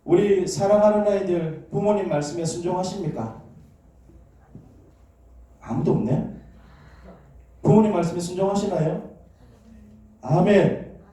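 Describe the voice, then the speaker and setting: A man's voice: sits high, warm tone. A man preaching a sermon in a church, drawing the congregation in with questions and calls for amens. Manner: call-and-response, asking questions and prompting amens. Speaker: pastor. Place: church sanctuary. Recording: echoey church hall, distant mic.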